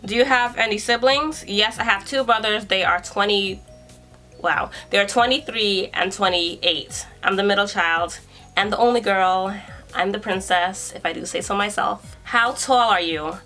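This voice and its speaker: A woman's voice: mid-range voice, moderate pace, sharp tone, soft background music. A woman in her twenties from New York, chatting casually through a Q and A vlog as a YouTuber and hairstylist, breezy and self-assured. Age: 20s.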